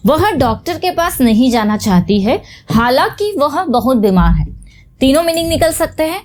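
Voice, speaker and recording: A woman teaching English grammar in a bilingual lesson. She reads each English example out slowly, word by word, and checks in often with her listeners. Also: high voice, very animated.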